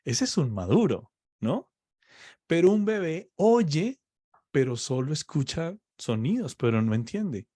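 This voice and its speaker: A man's voice: on the high side, sing-song, dark tone, dry recording, clean studio sound. A man teaching on faith in a conversation, explaining patiently and often checking "ok?" with his listener. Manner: slow, explaining, checks understanding with "¿ok?". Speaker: preacher.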